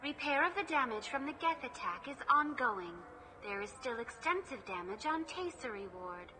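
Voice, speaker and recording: A woman's voice: high voice, lively intonation, moderate pace, bright, forceful tone, slight background noise. A woman voicing a polite female AI information hologram who speaks in formal, scripted phrases. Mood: courteous.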